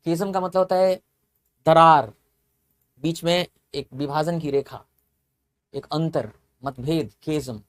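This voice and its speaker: A man's voice: a little high, slow pace, long pauses. A man teaching English vocabulary in a lecture, explaining step by step, spelling words out letter by letter and repeating them. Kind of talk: classroom lecture.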